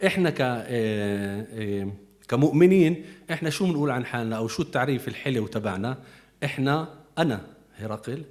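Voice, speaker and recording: A man's voice: medium pitch, lively intonation, quick pace, pauses often, a little mellow. A man with a Levantine Arabic accent, giving a conversational Bible teaching as a preacher, explaining patiently and repeating key words.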